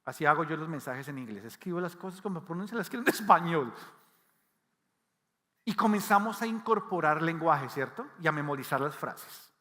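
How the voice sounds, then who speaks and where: A man's voice: a little high, animated, fairly quick, bright, forceful tone. A man from Latin America preaching a sermon in a church hall, talking conversationally and asking the congregation questions. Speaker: pastor. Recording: long hall reverb.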